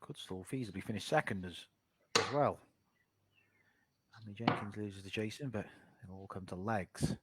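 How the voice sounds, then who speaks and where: A man's voice: on the low side, moderate pace, pauses often. A man giving live sports commentary on a darts match. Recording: very noisy live stream sound.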